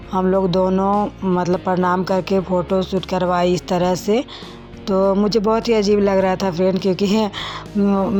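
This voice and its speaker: A woman's voice: mid-range voice, darkish tone. A young woman, narrating her own wedding video in a casual, chatty voice-over and talking straight to her viewers as friends. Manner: chatty, addresses viewers as friends, many fillers.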